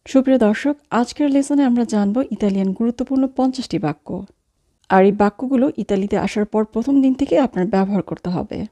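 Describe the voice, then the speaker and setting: A woman teaching a language lesson, saying each phrase and then repeating it slowly word by word. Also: fairly high pitch, warm tone. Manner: slow, careful, spelling out each word.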